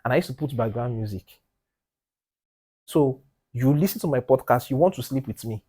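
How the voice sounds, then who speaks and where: Here a man co-hosting a casual group podcast discussion talks at a moderate pace with a breathy edge. He swings between raised, emphatic lines, including a repeated "do you understand?", and a low, quiet voice for his key points.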